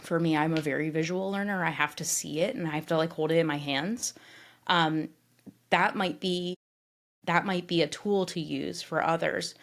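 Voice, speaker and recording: A woman who is a guest on a podcast, explaining her ideas in an animated, casual way with many filler words. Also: low voice, normal speed. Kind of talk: conversational interview.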